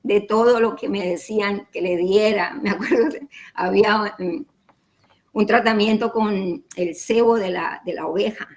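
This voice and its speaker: A woman's voice: mid-range voice, fairly even intonation, a little slow, low-quality recording. A middle-aged woman telling her personal story in an interview, acting out the dialogue in quoted voices and repeating words as she goes. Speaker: interview guest.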